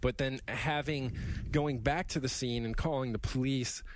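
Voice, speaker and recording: A man's voice: medium pitch, steady tone, moderate pace, background noise. A man co-hosting a podcast, telling a story in a loose, rambling way. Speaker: podcast co-host. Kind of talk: casual chat.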